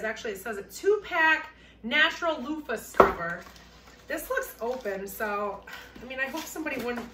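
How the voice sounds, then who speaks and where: A woman chatting casually and cheerfully as she unboxes resale items, thinking aloud. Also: fairly high pitch. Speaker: reseller vlogger. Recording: echoey room, mic at a distance, noisy.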